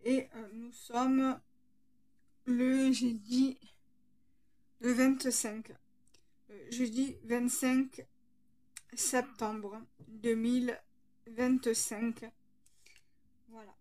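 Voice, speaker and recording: A woman's voice: a little high, flat delivery, extremely slow, long pauses, dark tone. A woman with a slight lisp, hesitantly thinking aloud as she narrates a casual craft tutorial.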